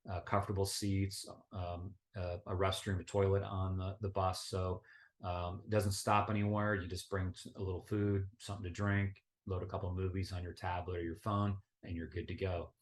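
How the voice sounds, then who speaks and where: Low, flat-voiced man giving travel tips. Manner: relaxed, conversational, many fillers and restarts. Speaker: travel vlogger. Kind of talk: casual advice vlog.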